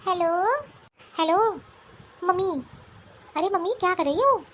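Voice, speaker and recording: A woman voicing a dramatic, complaining young married daughter in an animated cartoon. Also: very high-pitched, measured pace, slight background noise.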